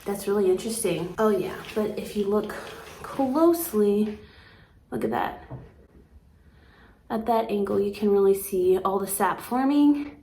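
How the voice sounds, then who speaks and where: A woman chatting casually to camera as a houseplant vlogger, excitable and talking to her plant. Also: mid-range voice, unhurried, pauses often. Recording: echoey room with faint background noise.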